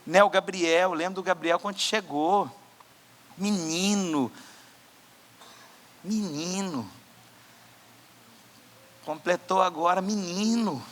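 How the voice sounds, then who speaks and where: A man preaching a sermon as pastor, swinging between loud exhortation and quiet asides. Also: high-pitched, steady tone, moderate pace, few pauses. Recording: church hall with long reverb.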